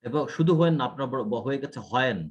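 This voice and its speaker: Husky man giving IELTS feedback. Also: mid-range voice, normal speed, dull audio. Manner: corrective, explains mistakes point by point. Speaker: IELTS speaking tutor. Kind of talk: one-on-one feedback lesson.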